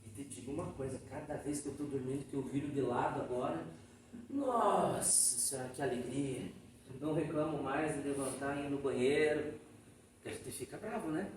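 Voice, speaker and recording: A man with a Brazilian accent giving a Spiritist lecture, telling stories in a lively, folksy way and often tagging his sentences with a question. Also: medium pitch, moderate pace. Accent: Brazilian Portuguese. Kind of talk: storytelling lecture. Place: Spiritist society hall. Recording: echoey hall, distant mic, faint noise.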